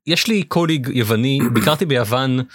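A man with an Israeli accent chatting casually about games as a podcast co-host, in a hesitant, halting way. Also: mid-range voice, expressive, no room sound, studio quality. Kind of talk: casual gaming chat.

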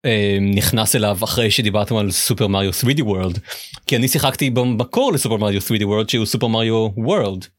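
A man with an Israeli accent chatting casually about games as a podcast co-host, in a hesitant, halting way. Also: fairly low pitch, no echo. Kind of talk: casual gaming chat.

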